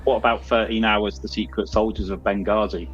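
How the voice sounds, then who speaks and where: A man hosts a casual movie quiz, reading out the questions quickly in a lowish, flat voice. He can't pronounce his R's properly and says W instead. The recording is dull and lo-fi, with music in the background.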